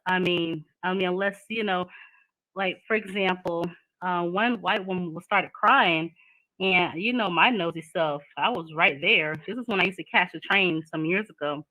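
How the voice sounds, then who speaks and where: Woman in her 30s, chatting casual, laughs a lot, sharp bright voice. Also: on the low side, moderate pace, no echo, rough recording. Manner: candid and chatty, laughs often. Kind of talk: casual chat.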